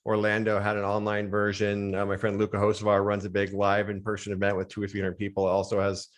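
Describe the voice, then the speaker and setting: An American man with a lowish voice talks fast in a completely flat delivery. He's a strength and conditioning coach appearing as a podcast guest, explaining things fluently in a casual interview chat.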